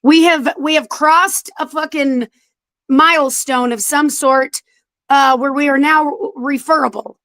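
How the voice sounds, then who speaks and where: A woman's voice: high voice, steady tone, measured pace, a bit bright, no room sound. A woman co-hosting a podcast from home in casual chat, blunt and teasing, swearing freely, her voice a little strained. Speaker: podcast co-host. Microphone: streaming setup.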